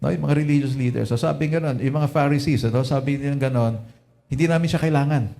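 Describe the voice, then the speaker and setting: A Filipino man delivers a sermon in easy Taglish, his voice mellow and dark. He keeps checking in with his listeners through little tag questions as he goes. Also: medium pitch, fairly even intonation, fast talker, creaky. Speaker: preacher. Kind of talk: Lenten sermon.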